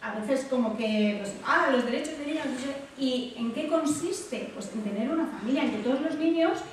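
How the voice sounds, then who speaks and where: At normal speed and high pitch, a woman with a Spain Spanish accent addresses a public talk as a guest speaker in a casual, conversational manner. A very echoey hall, a faraway microphone and background noise shape the sound.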